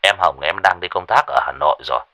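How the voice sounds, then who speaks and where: A man voices a sleepy young male shaman, grumpy at being woken. He speaks in a low, soft mumble. The voice stays calm and unhurried. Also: dry recording. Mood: drowsy.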